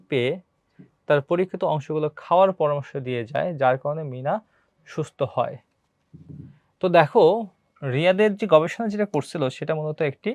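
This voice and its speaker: A man's voice: fairly high pitch, no echo. A young man with a Bangladeshi Bengali accent giving an exam-prep biology lecture, quizzing students and answering his own questions, repeating key terms. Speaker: biology teacher.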